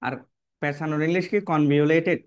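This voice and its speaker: Male biology tutor, a bit high-pitched, dry close recording. Repeats terms, quizzes students as he draws. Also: fairly even intonation, brisk, no room sound. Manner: repetitive, checks in with "কেমন?" and rhetorical questions. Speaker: biology teacher. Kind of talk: online lesson, explaining while drawing.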